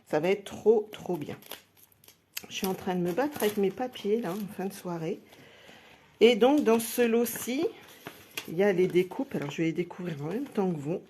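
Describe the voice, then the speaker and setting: A woman's voice: fairly low pitch, mellow, slight background noise. A woman chatting casually while unboxing craft supplies live, thinking aloud with many hesitations. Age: adult with a day job. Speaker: craft product seller.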